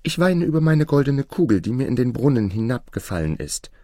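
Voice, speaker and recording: A man putting on a high, whiny young princess. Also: sing-song, brisk, warm tone, dry recording, clean studio sound, lightly acted. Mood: pleading. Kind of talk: fairy tale reading.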